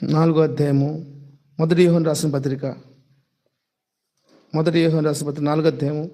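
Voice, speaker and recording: A man preaching a sermon who keeps asking rhetorical questions, repeats his lines and speaks fondly to his listeners, slowing down to stress key words. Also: fairly high pitch, level tone, mellow. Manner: addresses listeners directly and fondly.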